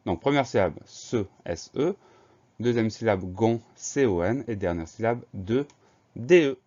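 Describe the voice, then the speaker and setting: A lower-pitched man gives a calm, patient spelling lesson for young pupils and spells every word out letter by letter. The recording is slightly dull and lo-fi. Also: unhurried. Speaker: teacher.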